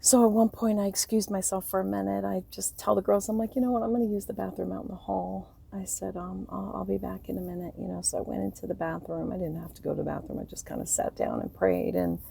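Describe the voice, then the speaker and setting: A middle-aged woman telling a personal story to camera in a soft, rambling way, grieving, her voice breaking and trailing off. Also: mid-range voice, fairly even intonation, fast talker, vocal fry, few pauses, slight background noise. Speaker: vlogger.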